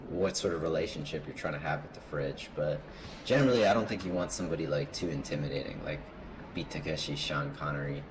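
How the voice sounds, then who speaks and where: Give me a deep-voiced man making relaxed, joking small talk, with noise in the background. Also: poor audio. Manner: laid-back, joking, trails off often. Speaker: co-host. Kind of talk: casual chat.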